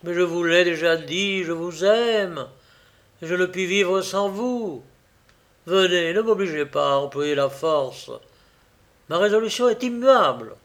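A man's voice: high voice, measured pace, fairly bright tone. A man reading an audiobook, voicing an obsessive young suitor who turns threatening. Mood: menacing. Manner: impassioned and menacing.

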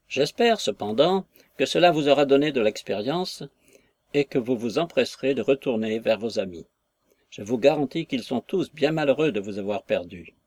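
A man's voice: medium pitch, a little mellow, no room sound, natural voice. A man voicing a chatty, gossiping female innkeeper who rattles on with exclamations, in an audiobook reading of a classic novel. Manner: garrulous, wheedling, full of exclamations.

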